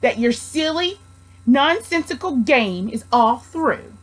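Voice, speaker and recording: A woman's voice: high voice, expressive, slow, heavily acted. A woman voicing a big, bossy kangaroo in a storybook, scolding and snappish with disdain.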